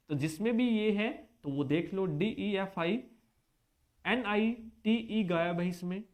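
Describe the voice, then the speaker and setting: A man teaching a spelling lesson for exam preparation. He breaks words apart letter by letter and keeps checking in with his students through short questions. He repeats the tricky points and coughs now and then. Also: high-pitched. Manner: coaxing students with quick check-back questions.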